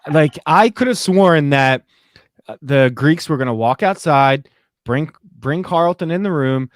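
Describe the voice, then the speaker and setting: Speaking in a fairly high pitch at an unhurried pace, this young podcast host casually walks through a TV episode's plot, performing the characters' lines with lively energy. The studio-quality recording has no echo.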